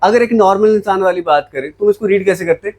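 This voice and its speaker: Switching between Hindi and English, a fast-talking man from Jammu teaches English vocabulary in a classroom lecture, answering the questions he puts to students. His voice is fairly high and a little mellow, and the audio is poor.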